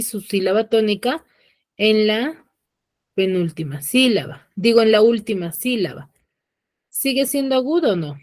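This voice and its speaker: A woman's voice: fairly high pitch, a little mellow. Spanish-speaking woman teacher quizzing her class. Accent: Peruvian Spanish. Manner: questioning, checks understanding with frequent "¿ya?". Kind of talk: online class lesson.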